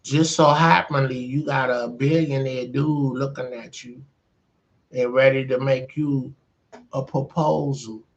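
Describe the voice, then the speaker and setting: Male host, casual slangy storyteller, unhurried and gravelly, dull lo-fi recording. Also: medium pitch, fairly even intonation. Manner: laid-back, slangy, digressive. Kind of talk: casual storytelling, retelling a movie.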